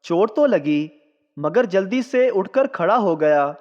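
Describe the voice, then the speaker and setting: A man reading out a series of short jokes in a scripted, unhurried storyteller's delivery. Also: high-pitched, animated. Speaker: joke narrator. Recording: dull lo-fi sound with long reverb.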